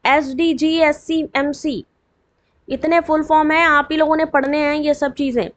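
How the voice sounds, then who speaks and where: A woman teaching an exam revision lesson online, reading out full forms slowly with quick chatty asides to her students and a dry throat. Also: high-pitched, steady tone, highs cut off.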